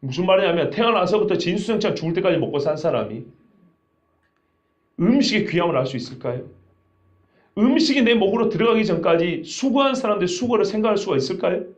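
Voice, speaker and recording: A man's voice: sits high, expressive, quick pace. A male pastor preaching a sermon in a conversational way, often asking the congregation questions.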